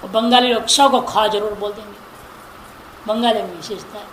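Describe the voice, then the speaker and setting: High-voiced male Sanskrit teacher, echoey room. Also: steady tone, fairly bright tone. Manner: recites word forms in slow drawn-out chants; corrects pronunciation with repeated examples. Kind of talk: classroom grammar lesson. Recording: echoey room with faint noise.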